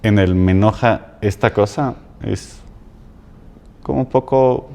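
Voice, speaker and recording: A man guest coach talking in a halting way, repeating words and checking in with "¿no?". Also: lowish voice, gravelly, mellow. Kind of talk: casual conversation.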